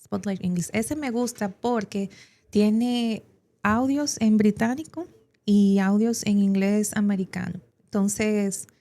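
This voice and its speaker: A woman's voice: medium pitch, a little mellow. A woman with a Dominican Spanish accent, an English teacher explaining in an educational podcast with plenty of examples and fillers.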